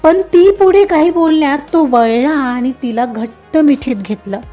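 A woman narrating a romantic story with expressive, emotional delivery. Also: sits high, unhurried, highs cut off, soft background music.

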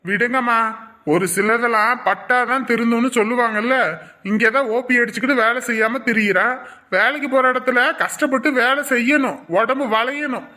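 A woman's voice: a little high, fairly even intonation, moderate pace, bright, forceful tone, echoey room. A woman playing a stubborn young husband who bossily orders his wife to stay home. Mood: dismissive. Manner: bossy, dismissive.

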